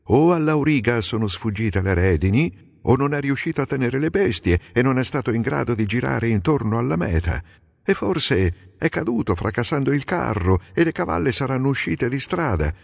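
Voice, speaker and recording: A proud older king talks in a raised, testy voice, as a man puts him on for an audiobook. His pitch climbs and falls a great deal. Each phrase leaves a long reverb tail. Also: big pitch swings, normal speed, vocal fry, breathy edge, exaggerated voice. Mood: uncertain. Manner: peering, uncertain, then testy. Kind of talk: dramatic audiobook reading.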